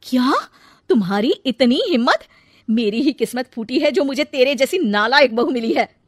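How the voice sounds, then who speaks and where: Casting: woman playing a shrill, bossy middle-aged mother-in-law in a cartoon story, dry close sound. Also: animated, moderate pace, no echo. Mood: scolding. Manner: shrill scolding.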